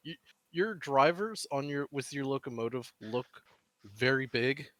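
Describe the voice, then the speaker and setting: Man, contestant, hesitant, trails off, mid pitch, dry mic. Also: lively intonation, measured pace, fairly bright tone, no room sound. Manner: hesitant, trails off, nervous laughter. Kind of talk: casual banter on a voice call.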